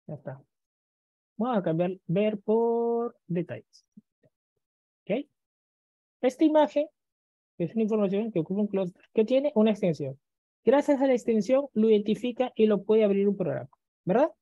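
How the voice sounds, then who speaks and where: A man's voice: high voice, expressive, moderate pace, pauses often, mellow, no room sound, muffled recording. A male computer teacher in a screen-recorded lesson who keeps checking in with listeners and acts out students' questions, then answers them himself.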